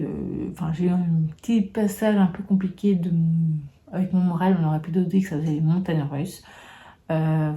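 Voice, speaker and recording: Woman vlogger, low mellow voice, lots of ums and restarts, casual chat. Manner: hesitant, many fillers and restarts. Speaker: booktube vlogger. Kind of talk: casual monthly wrap-up chat.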